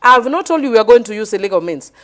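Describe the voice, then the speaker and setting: With a crowd audible behind her, a Kenyan female MP fires off her words rapidly in a slightly high, animated voice. On the televised panel's heated debate, she argues fervently and insists on her point over and over.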